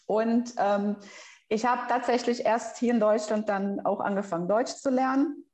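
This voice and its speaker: A woman's voice: on the high side, steady tone, moderate pace, darkish tone, echoey room. A woman from Brazil, a linguist guest in a podcast interview, explaining things with frequent hesitations. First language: Brazilian Portuguese. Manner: explanatory, many hesitation fillers.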